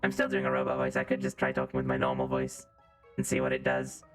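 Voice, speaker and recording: A woman game streamer chatting casually while talking through a robot voice changer that pitches her far down. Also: monotone, quick pace, faint music behind. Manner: chatty, self-narrating while fiddling with settings. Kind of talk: casual live-stream chat.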